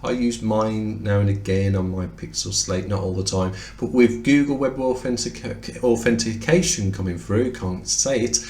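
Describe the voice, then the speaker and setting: Guy losing his voice going over two laptops, lowish voice, chatty explaining, echoey room. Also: normal speed, hardly any pauses, a little mellow. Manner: explanatory, conversational, occasional self-corrections. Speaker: tech reviewer. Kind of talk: product comparison review. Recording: roomy echoey room sound.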